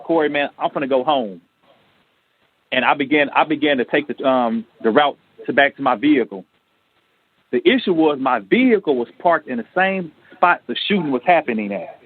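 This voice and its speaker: A man on a radio talk show telling a personal story in an earnest, halting way, acting out the lines of the people in it. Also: on the high side, slightly rough. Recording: tinny phone-line radio audio.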